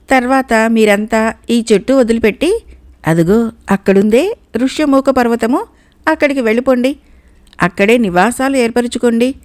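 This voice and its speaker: Sly male crow minister in a storybook fable, voiced by a woman narrator, soft pleading delivery, somewhat high voice. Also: close to an everyday voice. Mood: instructing. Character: cunning male crow minister, calm and scheming.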